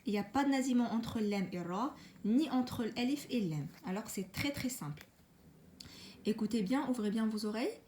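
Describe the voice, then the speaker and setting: In a Quran reading lesson, a woman with a slightly high, expressive voice explains letters patiently, repeats them slowly for learners, and chants them louder. A faint hiss or hum can be heard.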